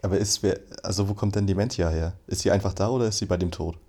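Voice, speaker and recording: A man's voice: low voice, steady tone, fast talker, creaky, darkish tone. A man interviewing an author, asking short curious questions and giving brief replies.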